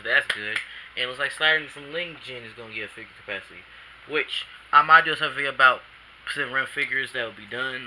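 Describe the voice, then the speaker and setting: A man's voice: medium pitch, pushed and bright, slight background noise, poor audio. A man reviewing an action figure at home in a rambling, casual way, often restarting his sentences, a bit drowsy after a nap, recorded on a camcorder. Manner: rambling, self-correcting, casual slang. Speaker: toy reviewer.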